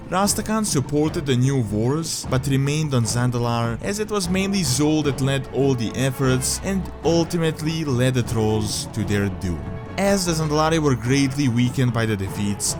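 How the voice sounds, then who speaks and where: A man delivers scripted top ten countdown narration at a middling pitch. Music plays clearly behind his voice throughout. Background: background music.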